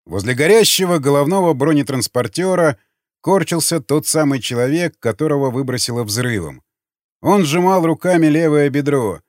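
A male audiobook narrator with a fairly high voice that moves a lot in pitch. He tells the story in a steady, dramatic way. The recording is close and dry. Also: moderate pace, no room sound.

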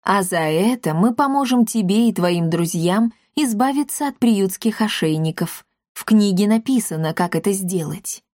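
Lady doing a bossy scheming tomcat boss, low and slow, dry close sound. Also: lively intonation, darkish tone, no room sound, lightly acted. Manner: commanding, growling threats. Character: gruff male talking-cat gang leader.

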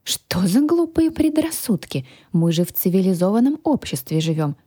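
A woman's voice: medium pitch, very animated, dark tone, breathy edge, no echo, clean studio sound. A woman reading a haughty genie cook. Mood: indignant. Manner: offended, slow and drawn-out. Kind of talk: audiobook character voice.

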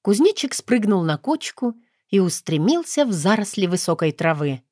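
A woman narrates a fantasy audiobook with expressive storytelling, her mid-range voice moving at normal speed. The sound is clean studio quality with no room sound.

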